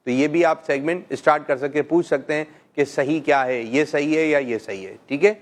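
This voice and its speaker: A middle-aged man hosting a children's call-in show, gently quizzing kids and praising them often. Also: on the high side. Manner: gentle, coaxing questions, frequent "mashallah".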